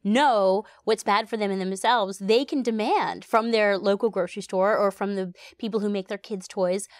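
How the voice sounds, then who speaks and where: A woman guest expert explaining household safety in a relaxed, earnest conversational way. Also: mid-range voice, moderate pace, dry recording, clean studio sound. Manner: earnest, explanatory, fillers like "you know". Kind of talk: conversational interview answers.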